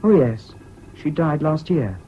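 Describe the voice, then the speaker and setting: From a dull, slightly hissy old recording of a 1970s British radio drama comes a young English university student, whimsical and flippant, an impulsive, evasive charmer chatting lightly. His fairly high voice swoops freely, animated yet slow-paced, and his mood is confiding and flippant.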